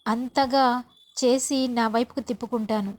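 A woman's voice: fairly high pitch, fairly even intonation, moderate pace, a little mellow, close to an everyday voice. A woman voicing a jealous, spiteful young woman who speaks bitterly and threatens in a serial retelling.

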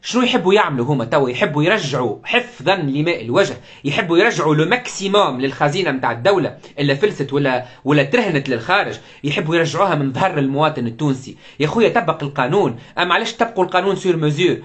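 Fast-talking Tunisian man ranting. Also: fairly high pitch, lively intonation, fairly bright tone. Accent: Tunisian Arabic. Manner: impassioned ranting with rhetorical questions; mixes in French words. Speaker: political commentator. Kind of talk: live monologue commentary.

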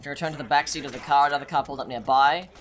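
A man's voice: fairly high pitch, steady tone, rapid-fire, noisy background. A man co-hosting a let's play who reads facts aloud in a casual way and often laughs and swears. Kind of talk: casual gaming commentary. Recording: voice over loud game music.

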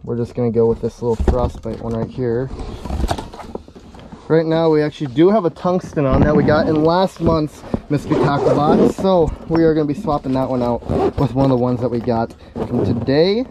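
A young man hosts a fishing channel, chatting in a laid-back way while he shows off lures and rigs his line inside a small ice fishing shelter. His voice is medium-pitched at a normal speed, with heavy background noise. He's recorded first on a camera mic, then on a head-mounted action camera.

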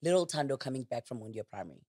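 Woman interviewer, South African accent, low voice, lively intonation, casual talk. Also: racing. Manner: warm prompting questions, teasing. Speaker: interview host.

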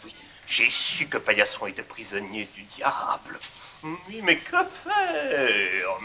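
Nutty pompous professor, slow theatrical delivery, voice all over the place, kids tv. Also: male voice, lowish voice, wildly swooping pitch, bright, forceful tone, slight background noise, full character voice. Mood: pondering. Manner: theatrical, declaiming. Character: eccentric self-important male professor, heroic inventor. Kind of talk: children's TV comedy acting.

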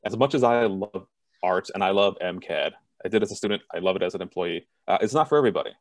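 A man from Southern California, a college admissions representative, giving an online information session over a video call in a plain, self-described monotone, direct way. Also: low-pitched, fast, dry recording.

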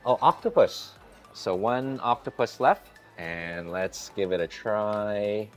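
Guy in his 40s vlogging a buffet, lowish voice, upbeat and chatty, faint music under it. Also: takes it slowly. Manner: upbeat, chatty, often greets staff warmly. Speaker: food vlogger. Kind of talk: casual vlog narration. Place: hotel buffet restaurant, indoors.

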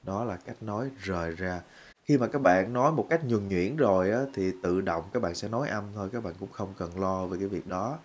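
A man with a Vietnamese accent teaching English phrases, repeating each one slowly word by word. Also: low-pitched, slight background noise. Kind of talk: English lesson.

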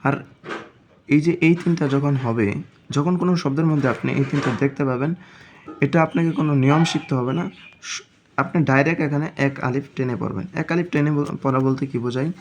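A man giving a step-by-step reading lesson, explaining slowly and patiently and repeating each point. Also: medium pitch, darkish tone, slight background noise. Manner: slow, patient explaining with frequent repetition. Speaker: Quran reading teacher.

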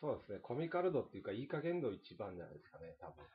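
A man's voice: fairly low pitch, big pitch swings, racing. A man from Osaka, a guest actor in a casual interview, joking and self-deprecating. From Osaka, Japan. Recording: lo-fi stream audio with a crowd behind.

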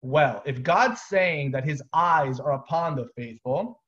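Guy in his 30s teaching torah on a webcam call, bit higher voice, muffled lo-fi sound, lively and chatty. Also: measured pace. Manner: energetic, explains step by step, casual asides. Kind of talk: live online Torah class. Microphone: webcam on a video call. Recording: dull lo-fi video call audio.

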